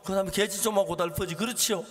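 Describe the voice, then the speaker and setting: A male pastor preaching a sermon, telling stories dramatically and dropping from shouts to hushed whispers. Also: high voice, fairly even intonation, fast talker. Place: large church or seminar hall. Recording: long hall reverb.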